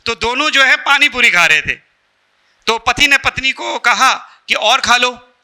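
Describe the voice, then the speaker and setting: Male spiritual speaker, Indian accent, high bright voice, joking storyteller who quizzes the audience. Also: expressive, unhurried. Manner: storytelling with jokes, asks the audience questions. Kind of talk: motivational talk to an audience.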